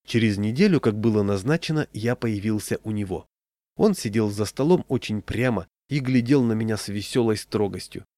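A man narrating a humorous short story in a wry, deadpan way. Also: lowish voice, brisk, no room sound. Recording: dry close recording.

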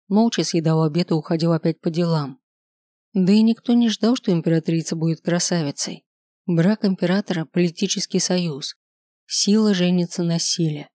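Measured audiobook narrator, dry close sound. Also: medium pitch, warm tone, no echo. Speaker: audiobook reader. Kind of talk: scripted first-person narration.

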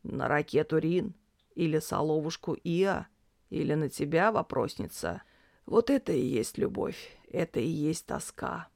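A reader voicing an old grandfather who speaks slowly and wistfully in a storybook reading. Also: mid-range voice, lively intonation, vocal fry, no echo, studio quality. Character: old grandfather, tired and tender.

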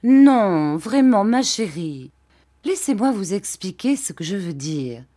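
A woman voicing a patient young husband who pleads gently and earnestly in an audiobook reading. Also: medium pitch, very animated, slow.

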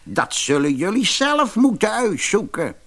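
A man voicing a mysterious old man with a creaking voice, in a storybook reading. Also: sits high, big pitch swings, measured pace, fairly bright tone, pitched above the performer's own voice, full character voice. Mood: grave.

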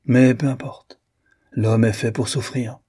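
A man's voice: mid-range voice, fairly even intonation, unhurried, warm tone, breathy edge, pitched above the performer's own voice. A male reader voicing a proud, remorseful husband who speaks in a firm, cold, sorrowful tone in an audiobook. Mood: grave remorse. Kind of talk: audiobook reading.

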